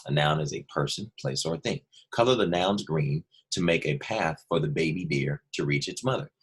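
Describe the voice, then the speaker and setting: Guy teacher w a deep husky voice, goes over a worksheet slow n patient for little kids. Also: animated. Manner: patient, explains step by step, repeats points. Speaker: second grade teacher. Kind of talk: remote lesson walkthrough.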